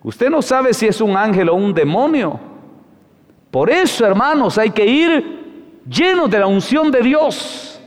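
A man's voice: high voice, very animated, takes it slowly. A man preaching a sermon, telling stories and exhorting his listeners, heard in an echoing hall. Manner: storytelling, exhorting. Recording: echoey hall.

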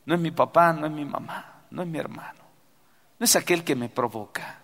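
A man preaching a sermon as pastor, swinging between loud cries and hushed prayer. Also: a little high, fairly even intonation, brisk. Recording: long hall reverb.

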